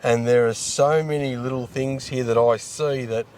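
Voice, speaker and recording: Aussie tradie bloke, plain talking and matey, casual review chat, bit of outdoor noise behind him. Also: male voice, mid-range voice, fairly even intonation, moderate pace, a little mellow. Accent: Australian. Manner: laid-back Aussie tradesman, matey and plain-spoken. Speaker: firefighter and fitter giving a product opinion.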